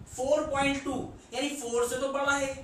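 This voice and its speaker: A male maths teacher with an extremely high, slightly bright voice works through a whiteboard problem step by step, counting aloud as he draws and asking rhetorical questions. He speaks at a normal speed in a level tone. The recording is distant and echoey, with slight background noise.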